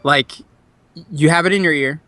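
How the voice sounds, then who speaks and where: Bright, eager man pushing his point. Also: a little high, normal speed, faint music behind. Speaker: podcast co-host. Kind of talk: casual panel chat.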